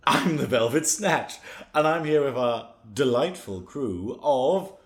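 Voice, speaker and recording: A man's voice: mid-range voice, expressive, takes it slowly. A man hosts a casual podcast in a mid-range voice. He is informal and jokey, bantering as he interviews. The sound has plenty of room echo. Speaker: podcast host. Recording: echoey room.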